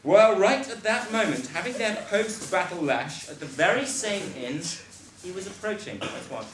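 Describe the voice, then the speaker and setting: A man's voice: high-pitched, animated, moderate pace. A man playing a pompous, sarcastic pantomime narrator, telling the story in a mock-grandiose way. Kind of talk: scripted stage pantomime narration. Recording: echoey noisy hall recording.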